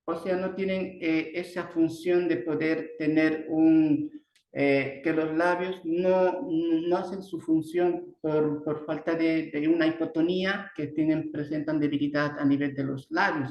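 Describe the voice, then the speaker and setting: Slow, halting Bolivian lecturer in an echoey room. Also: male voice, a little high, flat delivery, highs cut off. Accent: Bolivian Spanish. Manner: halting, many restarts and "¿no?" tags. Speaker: speech therapy lecturer. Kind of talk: online lecture. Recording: roomy echo.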